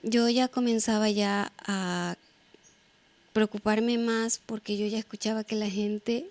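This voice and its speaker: A woman from Ecuador, speaking, gives a personal testimony in a halting storytelling way, with frequent fillers and repeated phrases. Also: a little high, creaky, darkish tone. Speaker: earthquake survivor.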